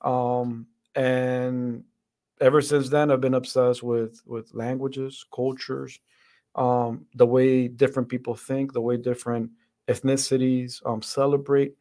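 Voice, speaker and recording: A man's voice: mid-range voice, level tone, a little slow, mellow. A man from the Dominican Republic, a guest on an interview podcast, talking in an earnest, reflective way with many restarts and fillers. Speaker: podcast guest, center director. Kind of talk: interview conversation.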